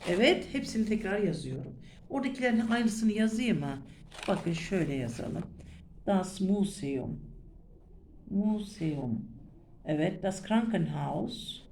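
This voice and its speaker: A middle-aged woman teaches German in a private lesson. She drills the same question again and again and repeats each word slowly and patiently. She is recorded on a phone held over a notebook in a small indoor room with faint noise. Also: mid-range voice, expressive, creaky, darkish tone. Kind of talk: private lesson, explaining grammar. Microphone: phone camera over a notebook.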